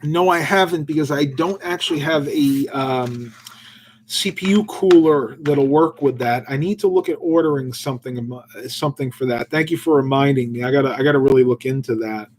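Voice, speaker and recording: Speaking in a mid-range voice at normal speed, a man hosts a laid-back devotional stream where he reads Bible passages, reflects on them loosely with fillers, and responds to viewer questions. A little background noise can be heard.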